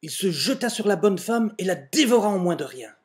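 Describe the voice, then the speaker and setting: An amateur video maker tells a comic fairy tale at home, filmed on a webcam in front of a door, throwing in mock-exasperated asides. His voice sits high and sing-song, and he speaks briskly.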